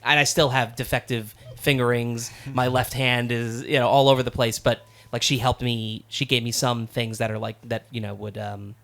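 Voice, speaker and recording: A man talking as a guest musician in a casual studio chat, relaxed and rambling with plenty of fillers. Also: medium pitch, normal speed, gravelly, few pauses.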